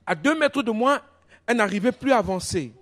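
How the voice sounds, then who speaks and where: An animated male pastor preaches with a bright, high voice in a church, moving from hushed storytelling to loud declarations. He presses on with lively, dramatic emphasis. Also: fairly quick. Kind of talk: sermon.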